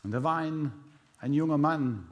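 A man's voice: a little high, moderate pace. A man preaching a sermon, retelling a story dramatically with repeated counting and speaking directly to his congregation.

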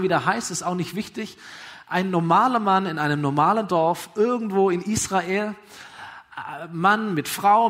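A preacher giving a sermon live before a congregation, retelling a parable in a conversational storytelling way that asks the audience along. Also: male voice, high-pitched, fairly bright tone.

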